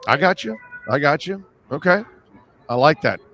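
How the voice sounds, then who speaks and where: A man's voice: fairly high pitch, very animated, normal speed, sharp tone. A man hosting a sports talk show, chatting casually and putting questions to his guest.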